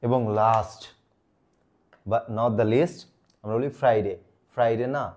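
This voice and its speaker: A man's voice: medium pitch, drawn-out words. Guy teaching english pronunciation, repeats words a lot, upbeat and encouraging. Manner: drills words aloud, animated and encouraging. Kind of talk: pronunciation lesson.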